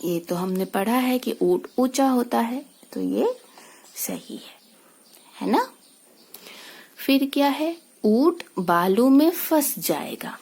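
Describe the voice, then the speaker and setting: A woman teacher, slowly talking young children through a school exercise and asking them easy questions along the way. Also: fairly high pitch, expressive, a little mellow, slightly rough. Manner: slow, patient explaining with many rhetorical questions. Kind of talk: recorded lesson for young children.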